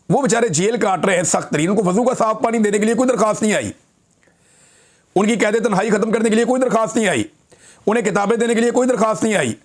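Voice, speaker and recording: A man with a Pakistani Urdu accent delivers political commentary straight to his audience. His voice sits fairly high for a man. He sounds indignant and heated throughout. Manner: indignant and impassioned, addressing viewers directly. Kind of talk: vlog commentary.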